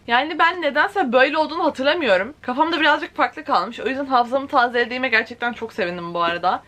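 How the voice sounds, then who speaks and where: A young woman chatting casually about books in a reading vlog and reading quotes aloud with excitement. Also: sits high. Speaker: book vlogger.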